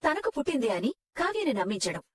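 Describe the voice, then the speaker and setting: In a Telugu TV serial, a woman plays a calculating schemer plotting with a minister, speaking in cool, menacing tones. Her voice sits high with big pitch swings, and she talks fast. The sound is clean studio audio with no echo.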